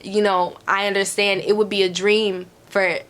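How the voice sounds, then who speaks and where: A woman's voice: medium pitch, level tone, normal speed, fairly bright tone. A woman answering viewer questions in a casual, candid way, repeating phrases for emphasis and swearing freely. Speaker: host of a Q&A.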